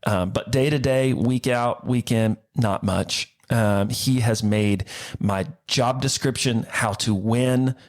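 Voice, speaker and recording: A man's voice: mid-range voice, takes it slowly. A young adult man, a worship pastor, talking in a casual interview in an earnest, upbeat way, often restarting his sentences. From Cincinnati area, Ohio. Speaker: worship pastor, podcast guest.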